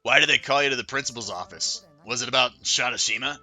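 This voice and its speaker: A man's voice: medium pitch, fast, pushed and bright, faint music behind. A man doing a nosy, eager schoolboy pal. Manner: eager, gossipy. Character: chatty, nosy teenage schoolboy friend.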